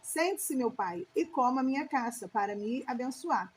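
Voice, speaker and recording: A bitter grown son pleads with his father, voiced plainly by a woman reading aloud. Her voice is high and clear, with faint noise underneath. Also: lively intonation, moderate pace. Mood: pleading.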